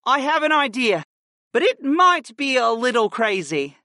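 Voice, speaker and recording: A man's voice: extremely high pitch, very animated, unhurried, sharp tone, dry recording, clean studio sound, pitched above the performer's own voice, exaggerated voice. A man doing a clever young woman summoner. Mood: eager. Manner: eager and scheming. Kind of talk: audiobook character voice.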